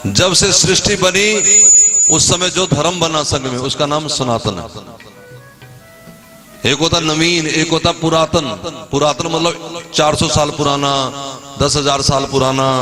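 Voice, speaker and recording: A man preaching a devotional sermon, telling scripture stories with animated energy and putting questions to his audience. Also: fairly high pitch. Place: religious gathering before an audience.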